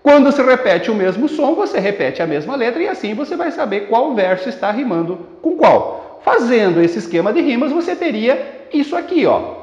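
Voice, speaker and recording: A man with a Brazilian Portuguese accent teaching a poetry lesson for exam students, explaining step by step and slowing down to read verses aloud. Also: extremely high pitch, sing-song, darkish tone. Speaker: literature teacher. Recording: roomy echo, dull lo-fi sound.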